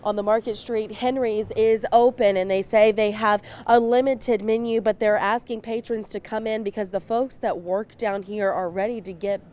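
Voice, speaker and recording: A woman's voice: mid-range voice, steady tone, normal speed, hardly any pauses, darkish tone. A woman field reporter giving a conversational live news report from outdoors. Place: outdoors in a waterfront town.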